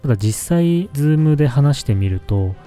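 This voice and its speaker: A man's voice: medium pitch, expressive, measured pace, dark tone, faint music behind. A man hosting his own solo podcast, speaking politely and with many hesitant fillers. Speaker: podcast host.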